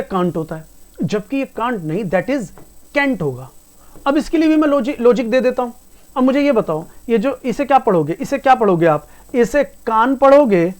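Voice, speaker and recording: With a very high voice, this man teaches English to a class, explaining things patiently, going over points more than once, and calling his students "beta."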